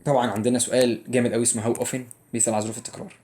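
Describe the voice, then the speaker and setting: A young man with an Egyptian Arabic accent runs a playful exam-prep English lesson at a rapid clip. He teases his students and drills each grammar rule by repeating it again and again. His voice sits in a middle register. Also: medium pitch, little pitch movement, mellow. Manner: jokey, teasing, drills rules by repetition. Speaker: English teacher.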